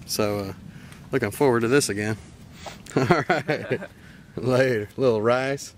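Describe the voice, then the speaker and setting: A man's voice: medium pitch, slow pace. A young man giving a rambling, easygoing tour of his riverside campsite, chuckling often, recorded on a handheld camera outdoors. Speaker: camping vlogger. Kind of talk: casual outdoor camp tour. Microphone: handheld camera mic. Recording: faint outdoor noise.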